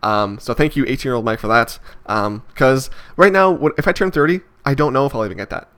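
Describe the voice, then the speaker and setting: A man in his twenties, a vlogger, muses aloud in a reflective, casual monologue. His mid-range voice moves fairly quickly with a fairly bright tone, and he sounds hesitant and rambling, full of fillers and restarts.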